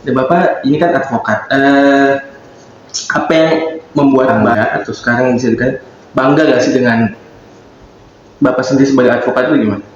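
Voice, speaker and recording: A man interviewing a guest, asking quick, probing questions. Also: mid-range voice, slight background noise. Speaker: interviewer, host. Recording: dull, echoey room sound.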